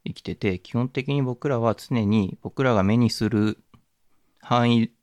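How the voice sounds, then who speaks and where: A man's voice: medium pitch, measured pace, a little mellow, dry recording. A man hosting a solo podcast, musing in a reflective way, with many fillers and restarts. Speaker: podcast host. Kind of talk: casual solo podcast talk.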